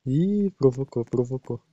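A man with a Brazilian accent giving casual gameplay commentary, full of excitable exclamations and chuckles. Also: mid-range voice, no room sound, muffled recording. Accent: Brazilian Portuguese. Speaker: gaming streamer.

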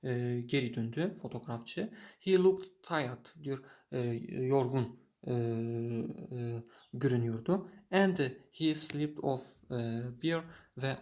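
A man teaching English who reads a short story and translates it line by line, pausing often with filler sounds. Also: medium pitch, a little mellow. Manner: halting, many filler sounds.

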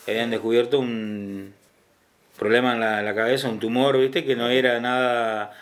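A man's voice: mid-range voice, level tone, normal speed. A middle-aged man with an Argentine Spanish accent, who works as a hospital ambulance driver, talks casually in an interview, hesitating, repeating words and tagging his sentences with questions.

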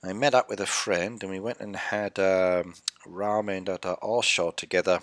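On a game live stream, a middle-aged man chats casually, playfully reading chat messages aloud, answering them, and teasing viewers. His deep, steady voice is a bit bright, moves at a moderate pace, and comes through a headset and desk mic with no room sound.

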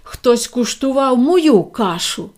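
An indignant mother bear growls out her complaint in a storybook tale, as a woman reader puts her on. She roars, but gently, in a fairly high and unhurried voice. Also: animated. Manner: roaring but less loud.

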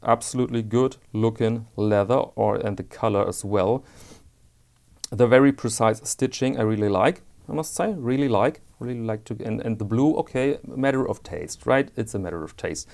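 Gravelly, hesitant man reviewing a watch strap. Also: medium pitch, moderate pace, darkish tone. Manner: hesitant, repeats words while searching for them; candid personal opinions. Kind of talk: casual product review.

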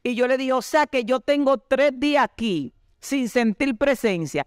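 A woman pastor tells her story with lively, acted-out dialogue. Her voice is high and smooth. The sound is close and dry. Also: moderate pace, dry recording. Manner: animated storyteller acting out dialogue. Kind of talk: testimony in an interview.

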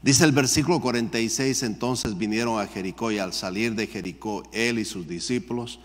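Reverberant church pastor preaching. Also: male voice, moderate pace. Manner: reads scripture aloud, then comments, often addressing listeners as "hermano"; voice rises sharply in pitch and loudness when repeating the cry for mercy. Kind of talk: Bible study sermon. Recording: long church hall reverb.

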